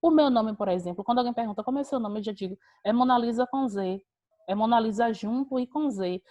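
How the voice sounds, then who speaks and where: A woman with a Brazilian Portuguese accent teaches a class over a video call. Her voice sits a little high, and she explains patiently, repeating key words and posing rhetorical questions before she answers them. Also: mellow. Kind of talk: online class lecture.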